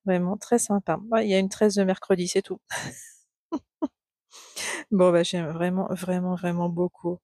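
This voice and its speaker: Gushing woman knitting vlogger, dark tone. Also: on the low side, a little slow, long pauses, no echo, clean studio sound. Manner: gushing, excitable, repeats words and laughs often. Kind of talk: casual chatty unboxing vlog.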